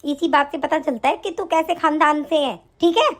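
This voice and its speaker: A woman voicing a stern older mother-in-law in an animated story, with a harsh, nagging delivery pitched below her own voice. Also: normal speed. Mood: scolding.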